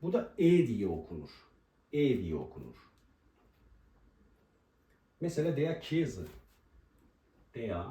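A man teaching a language lesson at a board, explaining pronunciation and slowly repeating each example word. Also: on the high side, mellow. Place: room with a writing board. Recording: roomy echo, voice from a distance.

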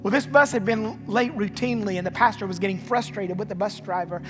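A man's voice: high-pitched, fairly quick, a bit bright. Male pastor, storytelling sermon, fervent refrains, reverberant sanctuary, music bed. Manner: storytelling preacher, building to fervent repeated refrains. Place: empty church sanctuary. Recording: long hall reverb with music behind.

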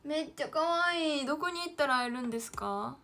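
While she draws on a livestream, a Kyoto, Japan idol in her late teens chats casually in Kyoto Kansai dialect, talking to herself, calling herself by name, and addressing viewers. Her voice is high, bright, quick-paced, and forceful.

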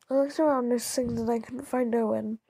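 Young woman, slightly hoarse and mellow, reading a story aloud and reacting chattily between lines. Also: on the high side, dry recording. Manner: chatty, giggly, stumbling restarts. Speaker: YouTuber reading stories.

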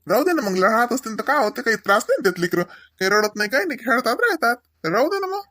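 A woman's voice: on the high side, sing-song, fast talker, fairly bright tone, no echo, studio quality, voice pushed up. A woman playing a caring, easygoing uncle who reassures and teases in a comedy sketch. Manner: reassuring, teasing. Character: caring middle-aged uncle, teasing and easygoing.

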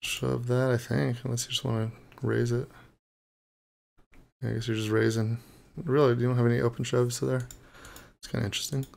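Gravelly man muttering poker play. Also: medium pitch, little pitch movement, a little fast, pauses often, darkish tone. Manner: casual, profane, muttering to himself. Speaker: poker streamer. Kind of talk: live poker commentary.

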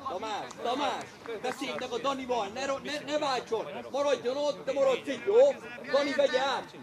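A man coaching from the sideline during a match, loudly calling players by name and giving urgent instructions, sometimes swearing. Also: extremely high pitch, a crowd in the background.

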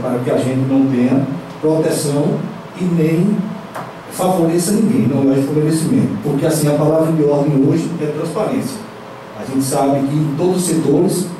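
Man giving a hesitant council speech. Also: medium pitch. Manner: hesitant, repeats words, frequent "certo?" and "né?". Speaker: city councilman. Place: council chamber, indoors. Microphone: handheld mic. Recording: echoey chamber from a far camera, noisy.

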